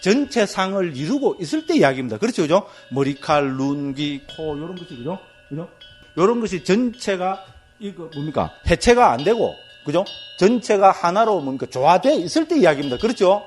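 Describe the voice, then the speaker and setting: Lively monk lecturing, higher-pitched man. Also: normal speed, soft background music. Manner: lively, tags nearly every phrase with a check-in question to the listeners; vivid, graphic examples told with sound words. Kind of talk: Buddhist doctrine lecture.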